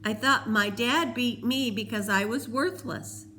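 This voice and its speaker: A woman's voice: a little high, a little slow, sharp tone, slight background noise, pitched above the performer's own voice. Cole, a woman doing an earnest teenage boy. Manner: pleading, earnest, then whispering.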